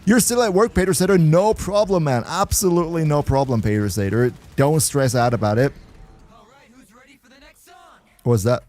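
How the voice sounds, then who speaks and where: Faint music plays behind a young German man whose fairly high, slightly mellow voice moves fairly quickly. He hosts a casual gaming livestream in a German accent, chatty and laughing often as he reads and answers viewer chat.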